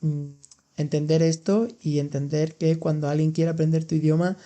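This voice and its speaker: Speaking at a moderate pace, a young man with a warm, somewhat high voice keeps a level tone. He's a language teacher from Andalusia, Spain, hosting an easygoing language-learning podcast where he explains expressions patiently through examples.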